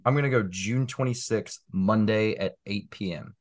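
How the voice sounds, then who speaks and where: A man chatting casually as a game contestant, talking in a halting, methodical way as he checks the details. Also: on the low side. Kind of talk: casual chat.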